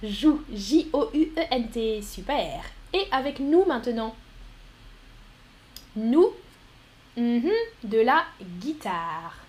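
A woman's voice: fairly high pitch, big pitch swings, slow, long pauses, a little mellow. A woman teaching a live online French lesson, spelling words letter by letter and praising students by name. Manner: encouraging, calls out students by name.

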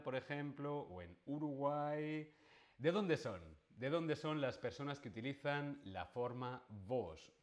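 This is a man from giving an online lesson. His voice sits at an ordinary mid pitch, and he speaks. He moves slowly and patiently, stopping often to ask his viewers questions. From Spain. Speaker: Spanish teacher.

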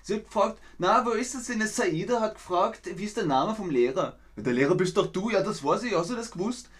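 A man acting out an excitable guy chatting in dialect, in fast, eager, high-pitched banter. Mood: excited.

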